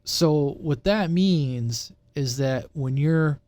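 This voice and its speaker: A man presenting on radio technology gives a casual, unscripted explanation indoors at his computer while sharing his screen. His voice is on the high side, very slow and darkish in tone, with no room sound. He rambles informally and circles back to repeat his main point.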